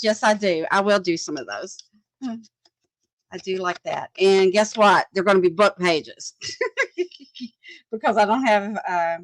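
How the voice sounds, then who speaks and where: Woman, crafting host, chatty and rambling, mid pitch, dry close sound. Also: dry recording, poor audio. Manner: chatty, rambling, thinks aloud, laughs often, reads and answers comments. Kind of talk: casual crafting chat.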